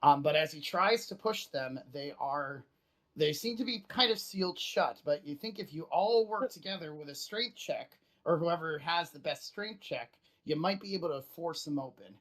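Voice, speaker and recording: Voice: mid-range voice, expressive, normal speed, fairly bright tone. A game master casually narrating a tabletop fantasy game and guiding the players.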